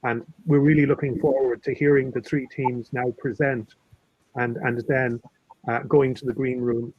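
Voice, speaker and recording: A man on a judging panel speaking haltingly with many fillers. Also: mid-range voice, level tone, no echo. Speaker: judge. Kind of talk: panel remarks. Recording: dry, dull sound.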